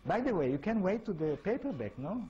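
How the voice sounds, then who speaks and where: A man's voice: high-pitched, sing-song, fairly quick, mellow, muffled recording. A man from Israel, speaking English with an Israeli accent, gives an informal lecture as an author and keeps asking his audience rhetorical questions. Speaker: author giving a talk.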